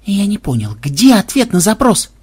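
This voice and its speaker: A man's voice: high voice, very animated, moderate pace, a little mellow, breathy edge, voice pushed up, heavily acted. A man reading an audiobook and voicing a thoughtful, wry programmer who gives orders to his friends. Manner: musing, commanding. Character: pensive programmer hero, young man, wry.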